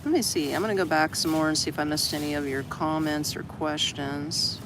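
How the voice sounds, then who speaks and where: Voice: mid-range voice, fairly even intonation, fairly quick. An older American from Florida chatting casually on a live stream, rambling and reading out viewer comments. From USA (Orlando, Florida). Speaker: livestream vlogger. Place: open shed in a city park, outdoors. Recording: outdoor street traffic noise. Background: street traffic.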